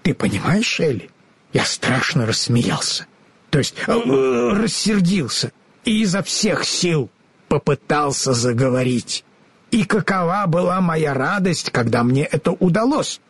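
A man's voice: a little high, big pitch swings, unhurried, gravelly, husky, no echo, heavily acted. A man voicing a kind, naive talking scarecrow who stammers and mixes up his words in an audiobook. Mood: flustered. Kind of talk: audiobook character voice.

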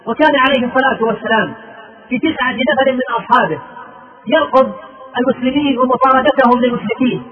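A man's voice: very high-pitched, quick pace. A man giving a sermon as a preacher, telling the story with fervor and quoted speech. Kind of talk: sermon narrating early Islamic battle history. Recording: tinny phone-like recording.

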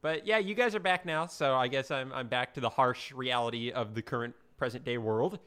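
A man with a bright, crisp voice hosting a casual podcast. He steers the talk and teases his co-hosts. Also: medium pitch, a little fast. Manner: teasing, leading the conversation. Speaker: podcast host.

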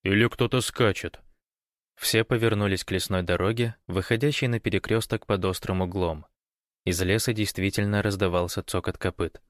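A man's voice: deep voice, steady tone, brisk, no echo, clean studio sound. A man narrating an audiobook in a scripted reading.

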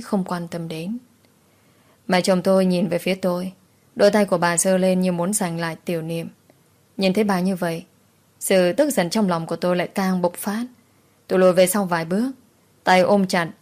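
A woman's voice: fairly low pitch, darkish tone. A woman narrating a romance novel in the first person, with dramatic, emotional storytelling. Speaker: audiobook narrator.

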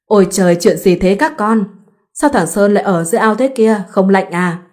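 A woman's voice: mid-range voice, normal speed, darkish tone, natural voice. A woman voicing a fussing, scolding village mother.

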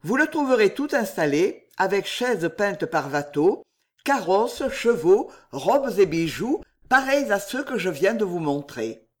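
A reader voicing a scheming, powerful male general in an audiobook, speaking in a measured, commanding way. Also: mid-range voice, sing-song. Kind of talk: audiobook reading.

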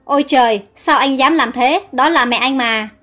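A young queen in an audio story who reacts with startled alarm but stays firm and principled, read by a woman in her own voice. Her voice sits high. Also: moderate pace, fairly bright tone, faint music behind. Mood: shocked.

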